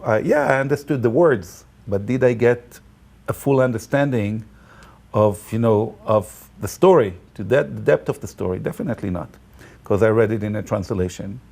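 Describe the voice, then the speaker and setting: A man from Israel, Hebrew his first language and his accent Israeli, chats casually as a guest and tour guide, speaking haltingly with lots of fillers and restarts. His voice is mid-range, creaky and a little mellow.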